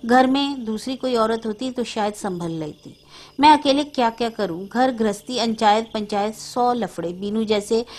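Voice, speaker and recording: A woman's voice: on the high side, normal speed, a little mellow, close to an everyday voice. A woman voicing a stern, weary widowed elder brother, speaking in a heavy, burdened way.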